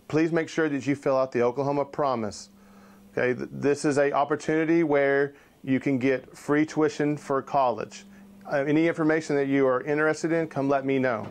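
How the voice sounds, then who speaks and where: A man, a school counselor, reading announcements with friendly, direct address to students. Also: mid-range voice.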